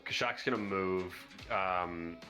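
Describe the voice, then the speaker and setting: A man's voice: deep voice, takes it slowly, sharp tone. A man playing a tabletop game, laughing and self-deprecating. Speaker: player. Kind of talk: casual tabletop play. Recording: music playing behind. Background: background music.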